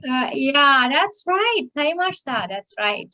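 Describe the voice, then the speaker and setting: A woman teaching an online class, speaking slowly and a little high. She is patient, repeating phrases and asking "okay?" to check that her students follow. Her voice comes through a video call. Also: big pitch swings, bright, forceful tone. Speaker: language teacher.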